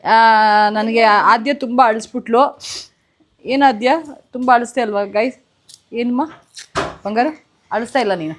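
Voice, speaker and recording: A woman's voice: on the high side, steady tone, a little slow, long pauses. A woman hosting a home cooking video, chatting casually to viewers and playfully teasing a child. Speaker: cooking vlog host.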